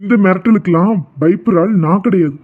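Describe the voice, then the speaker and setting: A man's voice: high voice, brisk, slightly rough. A man voicing a proud, stubborn, wealthy middle-aged father who talks in a scornful, dismissive way. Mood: defiant. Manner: scornful, dismissive, turning to sharp alarm. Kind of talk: Tamil cartoon voice acting. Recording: tinny phone-like lo-fi audio.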